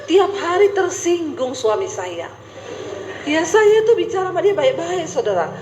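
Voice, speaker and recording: A middle-aged woman pastor with a Sulawesi Indonesian accent, telling stories in an animated sermon with high rising tones. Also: unhurried, echoey room, slight background noise, poor audio. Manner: animated storytelling, high rising tones, addresses congregation as saudara.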